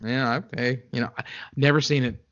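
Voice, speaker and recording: A man's voice: medium pitch, fairly even intonation, brisk, fairly bright tone, highs cut off. A man co-hosting a casual movie podcast, who often stumbles and repeats words as he starts a thought. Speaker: podcast co-host. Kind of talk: casual movie-review chat.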